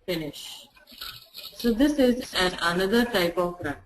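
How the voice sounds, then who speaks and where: A software testing instructor walks through a screen-share tutorial, repeating each step slowly so it is clear. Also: mid-range voice, animated, a little hiss or hum, low-quality recording. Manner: repeats phrases slowly for clarity.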